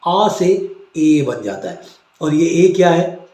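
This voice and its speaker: A man teaching a language lesson, explaining slowly and repeating each word for drilling. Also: a little high, very animated, mellow, reverberant. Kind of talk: classroom-style language lesson.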